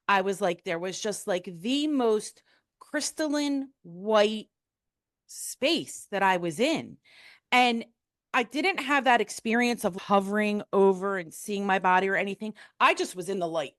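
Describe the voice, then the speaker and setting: A woman in her fifties, a guest telling a personal story in a frank, casual, animated way, acting out the people she quotes. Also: mid-range voice, unhurried, no echo, studio quality.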